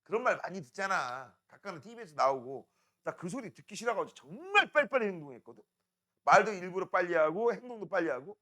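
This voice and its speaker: A man's voice: high voice, big pitch swings, fast talker, bright, forceful tone. A middle-aged male science teacher, lecturing a class, teasing and scolding students while drilling mnemonics.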